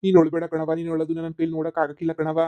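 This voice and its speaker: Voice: mid-range voice, completely flat delivery, racing, mellow, close to an everyday voice. A voice actor playing a protective young husband and brother, reassuring.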